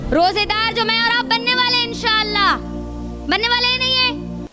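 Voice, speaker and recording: Woman, religious lecturer, sermon, audience questions, high-pitched, music behind. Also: fairly even intonation, normal speed. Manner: quizzes the audience and repeats phrases for emphasis. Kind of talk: sermon to a women's gathering. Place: function hall. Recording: music audible behind speech.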